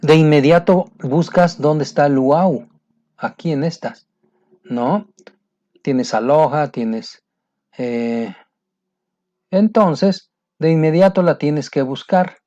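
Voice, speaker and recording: A man's voice: fairly high pitch, slow, long pauses, dark tone. A man with a Mexican Spanish accent teaching an exam-prep lesson, patiently walking the student through each step. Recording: dull lo-fi sound.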